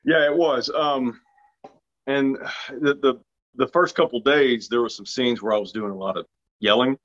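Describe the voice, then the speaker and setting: Heard through dull lo-fi audio, a man from Arkansas appears as an actor guest in an interview, chatting casually. His voice is medium in pitch, a bit bright, and moderately paced, with frequent restarts and jokes at his own expense.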